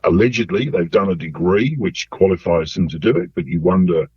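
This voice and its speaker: Man with disguised, altered deep voice. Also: slightly rough, no room sound. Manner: measured, hesitant with fillers. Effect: electronically altered, disguised deep voice. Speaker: university lecturer. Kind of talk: interview answers. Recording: dull, lo-fi voice-altered audio.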